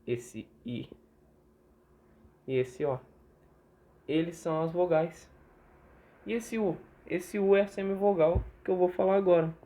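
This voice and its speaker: Young Brazilian male tutor, slow and chatty, thin phone-like sound. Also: fairly high pitch. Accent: Brazilian Portuguese. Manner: chatty, asks and answers own questions. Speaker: teacher. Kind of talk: casual online grammar lesson. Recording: tinny phone-like audio.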